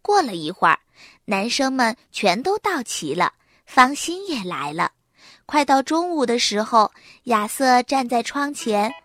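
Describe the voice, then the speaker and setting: Expressive woman reading a children's story. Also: on the high side, measured pace, no room sound. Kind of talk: children's audiobook narration.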